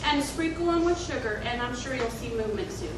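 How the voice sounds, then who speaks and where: A woman's voice: on the high side, expressive, fairly quick, crowd noise. A woman playing a mock-earnest radio host giving advice in an improv comedy sketch. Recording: echoey stage, far from mic, noise.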